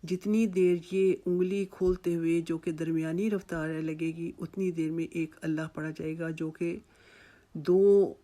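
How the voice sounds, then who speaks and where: A patient recitation teacher walks through tajweed pronunciation one word at a time, explaining how each sound is formed before repeating it slowly several times. The voice is mellow and warm, and the words are carefully stretched out whenever a sound is modelled. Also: mid-range voice, steady tone.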